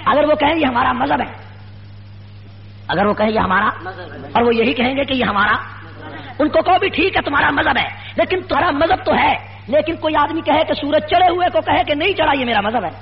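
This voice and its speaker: A man giving an impassioned rally speech at a public gathering, full of repetition, shouted rhetorical questions and call-and-response. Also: very high-pitched, lively intonation, vocal fry. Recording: lo-fi with faint hum.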